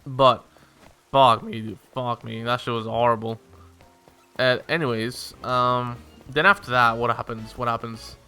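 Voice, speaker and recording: A man's voice: mid-range voice, fairly even intonation, unhurried, sharp tone, smooth, faint music behind. A young man casually telling a rambling, profane story while he plays a game. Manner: rambling, profane, filler-heavy.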